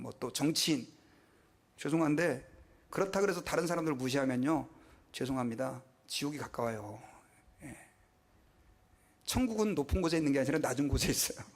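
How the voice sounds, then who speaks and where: Brief: middle-aged man, pastor in a church, chatty preaching style, slightly raised pitch. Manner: conversational preaching with rhetorical questions and mock quotes. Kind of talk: sermon.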